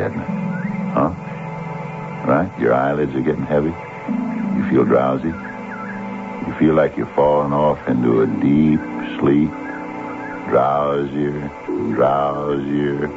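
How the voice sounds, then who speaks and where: An actor playing a sinister man who hypnotizes a young woman, talking slowly and coaxingly with many hesitations, in an old radio drama. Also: rumbling low, creaky, phone-quality sound, heavily acted. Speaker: villain. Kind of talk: 1940s radio acting. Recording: scratchy old radio recording with music.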